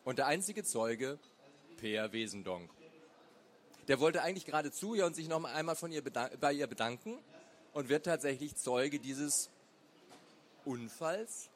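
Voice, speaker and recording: A man narrating a story aloud in a measured, dramatic way. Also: on the high side, animated. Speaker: reader. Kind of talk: audiobook narration.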